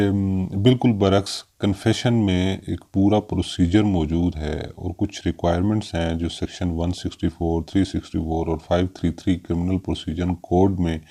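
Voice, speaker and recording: Deep, mellow and steady in tone, a Pakistani-accented man teaches law in an informal, explanatory way. He hesitates frequently, stretching out fillers and slipping English terms into his speech.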